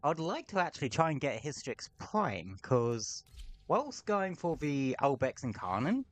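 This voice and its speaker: A man with a fairly high voice and big pitch swings, speaking a little slowly, streams a game from a room at home with the window open. His casual gameplay commentary drifts into rambling, sweary asides.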